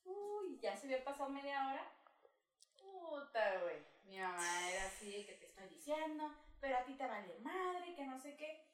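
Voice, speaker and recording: A young woman with a Mexican accent telling stories in a casual chat, slangy and quick to laugh. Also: high-pitched, echoey room. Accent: Mexican Spanish. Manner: animated storyteller, slangy, laughs often.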